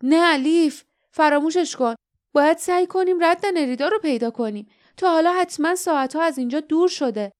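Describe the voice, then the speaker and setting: A woman's voice: high-pitched, no room sound, clean studio sound, voice pushed up, natural voice. A woman voicing an adult male companion who sharply urges his friend on in an audiobook. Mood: urgent. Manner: sharp, urging.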